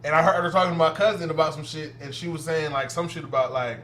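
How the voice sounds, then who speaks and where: A man's voice: a little high, steady tone, quick pace, fairly bright tone, slight background noise. A man co-hosting a casual podcast chat, rambling loosely and laughing often. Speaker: podcast co-host.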